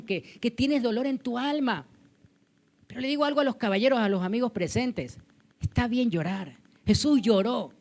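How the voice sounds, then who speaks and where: A man preaches a sermon to a church congregation. He weaves personal anecdotes and light humor into his message. His voice swells louder on the key points. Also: very high voice. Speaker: pastor.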